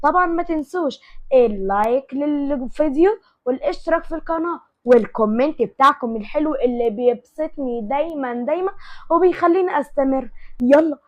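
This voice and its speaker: A woman's voice: high voice, a little mellow, no echo. A woman with an Egyptian accent narrating a romance story and addressing her viewers in a friendly way. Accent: Egyptian Arabic.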